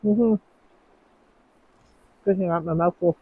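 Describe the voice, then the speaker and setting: A woman's voice: medium pitch, moderate pace, phone-quality sound. A woman with a Newfoundland accent chatting outdoors to a phone, answering viewer questions in a rambling, hesitant way. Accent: Newfoundland English. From Newfoundland, Canada. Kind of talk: casual chat. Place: outdoors, with snow falling.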